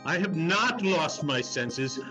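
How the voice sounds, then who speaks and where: An actor playing Ebenezer Scrooge, an old miser turned repentant and giddy, in a theatrical radio play with stammering repetitions. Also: male voice, on the high side, lively intonation, takes it slowly, pushed and bright, faint music behind, heavily acted, rough recording. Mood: jovial. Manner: melodramatic, breathless stammering repetition.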